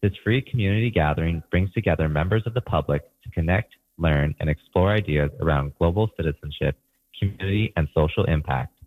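A man's voice: deep voice, fairly quick. A man leaving a voicemail message, reading out a prepared community-event invitation over a phone line. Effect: heard over a phone line.

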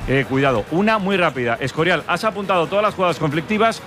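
A man's voice: a little high, expressive, fast talker, a bit bright, soft background music. A man from Spain hosting a live football talk show, steering the debate between pundits. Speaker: host.

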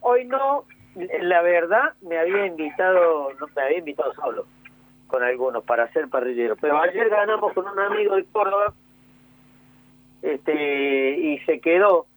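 A man's voice: a little high, lively intonation, moderate pace. A man with an Argentine accent chatting casually on a phone call from home, repeating his words as he talks. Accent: Argentine Spanish. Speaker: guest. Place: at home by a grill.

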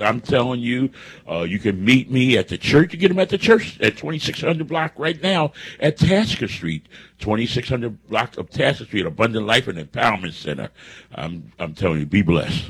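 A gospel musician visiting a radio studio, emphatically promoting a concert and repeating "I'm telling you" to drive each point home. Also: male voice, mid-range voice, breathy edge.

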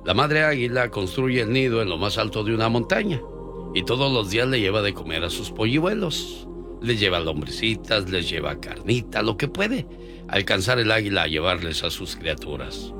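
A man's voice: lowish voice, lively intonation, normal speed. A man hosting a morning radio call-in show, chatting with callers and telling folksy stories. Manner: folksy storytelling, playful. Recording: radio broadcast with music bed.

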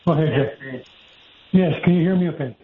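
An older man calls in over a phone line, and his voice comes through thin and tinny. He sits a little high in pitch and lays out his account in a measured, methodical way. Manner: measured, recounts dates and numbers methodically. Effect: heard over a phone line. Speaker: caller, former military. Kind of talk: call-in radio talk.

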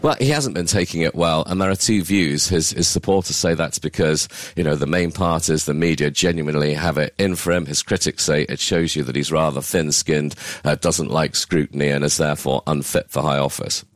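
A man working as a political correspondent, explaining the news in measured live analysis with frequent restarts. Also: rumbling low, steady tone, dry recording.

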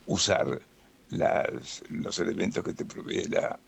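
Appearing as a doctor on a radio interview, this man has a low, creaky, husky voice and a Rioplatense Spanish accent. He takes his time, explaining calmly and frequently tacking on "¿no?".

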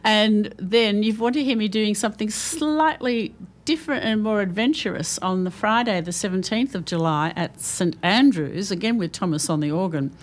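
A singer with an Australian accent and a medium-pitched voice chats as a guest on a radio interview, lively and quick to laugh.

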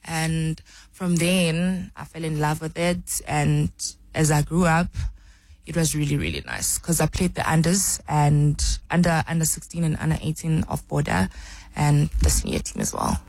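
A woman's voice: sits low, normal speed, darkish tone, dry recording, poor audio. A young woman from South Africa, a rugby player, answering interview questions with many ums and restarts.

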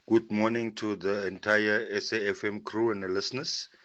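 A man's voice: on the low side, level tone, normal speed, a bit bright, muffled recording, a little hiss or hum. A man from KwaZulu-Natal, South Africa, leaving a voice note for a radio show, giving blunt, critical opinions. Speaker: listener sending a voice note.

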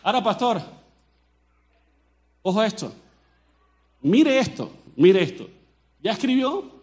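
A Colombian man with a Colombian accent preaching a sermon as pastor, animated and joking as he addresses the congregation directly. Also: sits high, slow.

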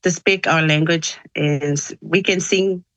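Low-voiced Tongan woman, halting and earnest. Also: fairly even intonation, fairly bright tone, no echo. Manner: hesitant, many filler sounds, earnest. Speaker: musician guest. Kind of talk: casual interview.

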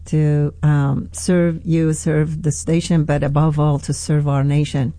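A woman in her sixties from Iran with an Iranian accent, a pastor telling her life story in an interview, earnest and hesitant with many pauses and restarts. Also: low voice, level tone, mellow, dry recording. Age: 60s. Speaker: pastor, guest. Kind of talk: personal testimony in an interview.

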